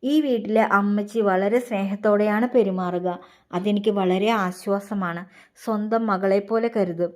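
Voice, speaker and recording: A woman's voice: mid-range voice, steady tone, moderate pace, darkish tone. Woman reading a heartfelt short story. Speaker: story reader.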